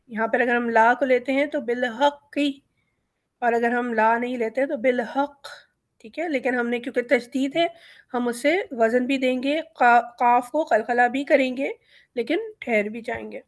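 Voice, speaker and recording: A woman gives a Quran recitation lesson, briskly explaining the rules and reciting each example word slowly. Her voice is on the high side.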